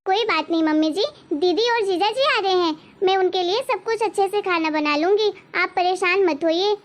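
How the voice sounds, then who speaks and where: A woman's voice: extremely high pitch, normal speed. A woman voicing a sweet, eager young daughter-in-law in a cartoon story. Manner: sweet, reassuring.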